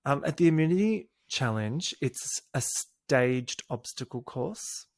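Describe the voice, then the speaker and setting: A man's voice: mid-range voice, lively intonation, unhurried. A man co-hosting a podcast, recapping a reality show in camp, gossipy casual chat. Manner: camp, gossipy, quotes people in put-on voices. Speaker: podcast co-host.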